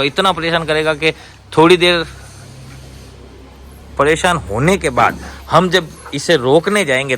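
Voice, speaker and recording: A man working as a dog trainer talks casually to the camera at a dog hostel, often breaking off to shout firm orders and gentle coaxing at the dogs. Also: mid-range voice, slight background noise. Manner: commanding and coaxing dogs, often rising sharply.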